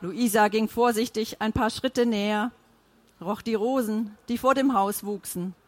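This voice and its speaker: A woman narrating a novel in a measured, even storytelling manner. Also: on the high side, no room sound. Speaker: audiobook narrator. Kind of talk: scripted narration.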